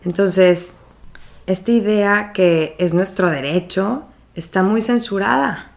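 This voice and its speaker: A woman's voice: mid-range voice, slow pace, vocal fry. A woman with a Mexican accent giving a reflective motivational talk, conversational and often checking in with her listeners.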